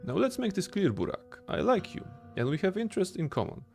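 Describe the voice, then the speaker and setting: A man's voice: sits high, big pitch swings, a little fast, gravelly, music in the background, pitched above the performer's own voice, full character voice. A man reading a proud young heir. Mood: firm. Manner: lofty, formal reading of game dialogue. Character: proud young male heir of a rich family. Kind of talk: reading game dialogue aloud.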